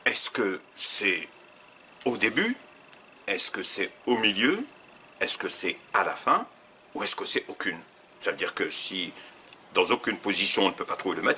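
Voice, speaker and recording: A man teaching, who reads out quiz questions to learners and slowly repeats each set of answer choices. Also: lowish voice, bright, forceful tone, a little hiss or hum. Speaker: Arabic teacher.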